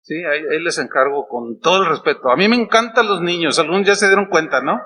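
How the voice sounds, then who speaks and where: A man's voice: fairly high pitch, expressive, fast, pushed and bright, a little hiss or hum. A man preaching a sermon at a church meeting, talking conversationally with rhetorical questions and playful asides. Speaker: pastor.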